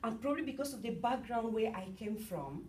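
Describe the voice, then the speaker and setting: A woman's voice: a little high, brisk, distant mic, slight background noise. Bubbly woman speaker from Cameroon. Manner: bubbly, animated, chatty with the audience. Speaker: motivational speaker. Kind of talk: public talk at an event. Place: event room with an audience.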